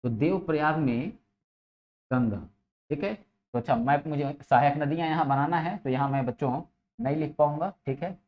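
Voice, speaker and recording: A male teacher with a fairly high voice speaks at a moderate pace, recorded on dull lo-fi audio. Giving an exam-prep geography lesson, he calls his students children, poses questions and answers them himself, and repeats key words over and over with frequent "ठीक है" checks.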